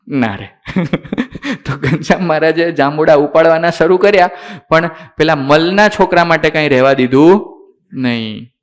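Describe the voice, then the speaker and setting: Slow-spoken man telling a sacred story. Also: on the high side. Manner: asks the listeners questions and answers them; mixes in English words. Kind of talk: sermon storytelling to children.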